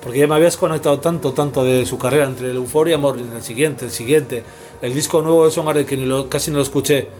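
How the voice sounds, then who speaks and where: A man's voice: mid-range voice, steady tone, quick pace, a little mellow. A man in his forties with an accent from Spain, hosting a casual music podcast, rambling and swearing freely. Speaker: podcast host.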